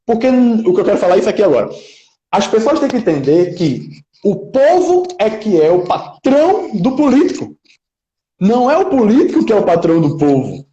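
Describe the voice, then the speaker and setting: A young Pernambucan man in his 20s, a local political pre-candidate, gives earnest interview answers in a high, sing-song, brisk and mellow voice. He speaks emphatically, speechmaking and leaning on "né?" tags, and the lo-fi recording sounds roomy and a little dull.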